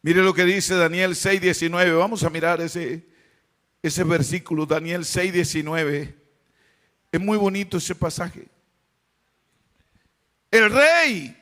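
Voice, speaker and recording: Man, pastor, sermon, slow and deliberate, bright ringing voice, dramatic shifts from shouting to hushed. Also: on the high side, steady tone. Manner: preaching with dramatic swings from shouts to hushed tones.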